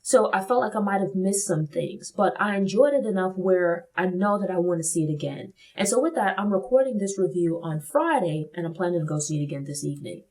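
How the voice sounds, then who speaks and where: A woman's voice: fairly low pitch, brisk, few pauses, darkish tone, low-quality recording. A woman from Brooklyn, New York, hosting a casual film review, talking in a thoughtful way that qualifies her points with frequent "like" and "you know".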